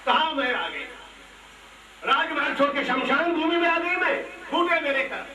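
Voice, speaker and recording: A man's voice: extremely high pitch, animated, a little slow, voice pushed up. A man voicing the goddess Parvati as a plaintive wife who keeps repeating her lament, in devotional storytelling. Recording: echoey hall, distant mic, noisy.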